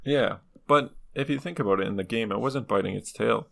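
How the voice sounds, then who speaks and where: A laid-back man talking on a casual podcast with his friends. His voice sits low and has a gravelly, creaky edge. He laughs easily and swears without much thought. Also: fairly quick. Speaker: podcast co-host presenting the topic.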